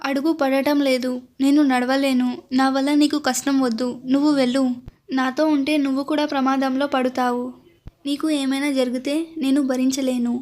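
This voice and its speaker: A woman's voice: sits high, flat delivery, a little fast, warm tone, natural voice. A woman voicing an innocent, frightened young queen who pleads and complains in a storybook tale. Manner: fearful, pleading. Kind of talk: storytelling narration.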